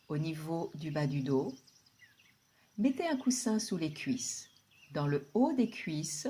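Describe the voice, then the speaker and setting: A woman serves as a yoga nidra guide, leading a deep relaxation meditation. She speaks calmly and soothingly without hurrying, leaving long pauses.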